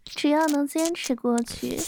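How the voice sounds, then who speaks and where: A woman's voice: high-pitched, a little slow, background noise. A woman playing a scornful, domineering young girl in an ASMR role-play, mocking and coaxing her listener. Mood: cold, commanding.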